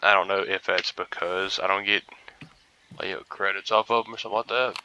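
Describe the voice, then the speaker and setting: A young gaming streamer commentates a hunting game casually, groggy and rambling as though he's just woken up, with laid-back, mumbly asides. His voice is low-pitched and steady, his pace brisk, and the background is noisy.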